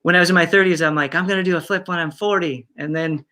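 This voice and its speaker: A man's voice: fairly high pitch, fairly even intonation, quick pace, pushed and bright. A man in his fifties, a guest in an interview, talking in a chatty way with many fillers and restarts and frequent laughter. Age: 50s. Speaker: guest speaker. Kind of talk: casual interview chat.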